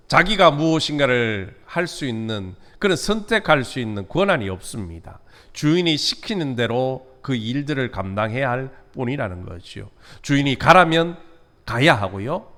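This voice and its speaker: A man preaching a midweek sermon as pastor, lifting his voice on key words and letting sentence endings fall away softly. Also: medium pitch. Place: church sanctuary.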